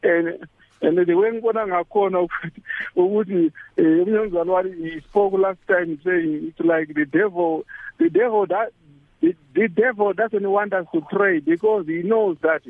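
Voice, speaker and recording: High-voiced South African Zulu man, phone line. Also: expressive, gravelly, no room sound. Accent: South African Zulu-language. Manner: halting and repetitive, switching between English and Zulu. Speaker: caller to a religious radio show. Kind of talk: personal testimony, casual and conversational. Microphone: telephone.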